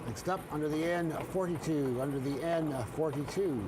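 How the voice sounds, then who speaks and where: A middle-aged man with a Canadian accent working as a bingo caller on a live broadcast, announcing and repeating each call in a measured, formulaic cadence. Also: fairly high pitch, background noise.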